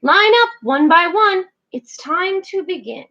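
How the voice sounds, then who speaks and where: A woman's voice: sits high, animated, a little slow, bright, forceful tone, muffled recording, full character voice. A woman reading a storybook aloud, voicing a stern male penguin teacher who speaks in a formal, cautioning way.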